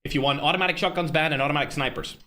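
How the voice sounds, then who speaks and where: Fairly high-pitched and pushed bright, a man from Northern Ireland hosts a live stream and organizes a tournament. Talking straight to chat, he keeps up a brash, fast flow of casual trash talk and frequent asides.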